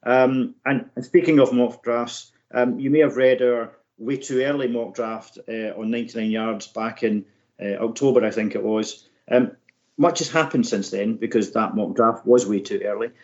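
A man hosting a sports podcast, talking off the cuff about the draft in halting, broken phrases full of ums. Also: mid-range voice, fairly even intonation, darkish tone. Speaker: podcast host. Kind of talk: unscripted American football draft commentary. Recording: slightly dull, lo-fi podcast audio.

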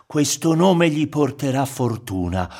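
A man voicing a poor, touchy old woodcarver in a strained, raised voice that sometimes drops to a hush. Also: mid-range voice, sing-song, measured pace, voice pushed up. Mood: musing.

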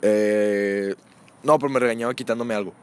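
A man's voice: lowish voice, fairly even intonation, normal speed, clean tone. A young man with a Mexican accent telling crude, slangy stories in casual chat, acting out the voices of people in them. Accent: Mexican Spanish.

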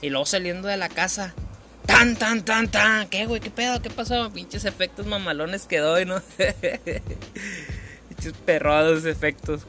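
Bright-voiced man with a Mexican accent. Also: sits high, measured pace, faint music behind. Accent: Mexican Spanish, northern. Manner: animated, laughs often, acts out voices. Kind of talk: comedic storytelling, heavy slang.

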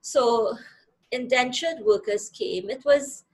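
A woman with a Trinidadian accent and a soft, breathy voice, guesting on an interview show. She talks in a thoughtful, reflective way, taking her time as she tells her family's story. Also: fairly high pitch, slow, rough recording. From Trinidad and Tobago. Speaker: guest, financial literacy and credit counselor. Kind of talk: interview conversation.

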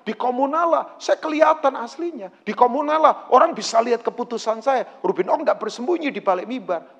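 A man preaching a sermon to his congregation, animated and joking, acting out quotes. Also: very high-pitched, husky, long reverb tail. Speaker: pastor. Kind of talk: lively sermon.

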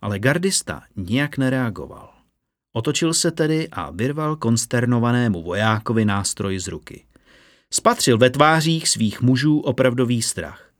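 A man narrating a fantasy story in a steady, measured audiobook reading. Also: medium pitch, dry recording, studio quality.

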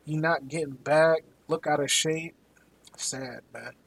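A young man hosting casual sports banter, slangy and animated as he talks, with a husky voice. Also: a little high, slow pace. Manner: slangy, animated storytelling, frequent 'you know what I'm saying'.

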